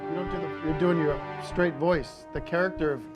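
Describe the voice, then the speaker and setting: A man's voice: fairly high pitch, fairly even intonation, normal speed, over music. A man hosting a comedic show, pushy and interrupting as he gives direction. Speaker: host.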